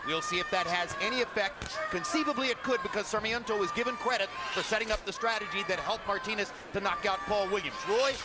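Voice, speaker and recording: A man calling a boxing broadcast as lead commentator, with articulate, measured phrasing and emphatic stresses. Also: sits high, over a noisy crowd. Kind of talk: live sports commentary. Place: ringside in a boxing arena. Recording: very loud arena noise behind.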